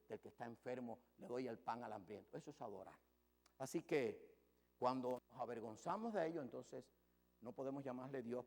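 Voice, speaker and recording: A male pastor preaching a sermon in a fairly high voice. He talks emphatically, swinging between loud stresses and hushed passages. Long reverb hangs on his words.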